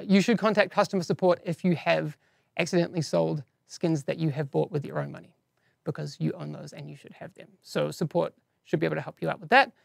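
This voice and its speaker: Gravelly-voiced man hosting a live stream. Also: a little high, dry recording, clean studio sound. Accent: non-standard English accent, teased by viewers. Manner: chatty, self-deprecating asides to chat and co-host. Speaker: community host of a live game-news stream. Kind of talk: casual live-stream update.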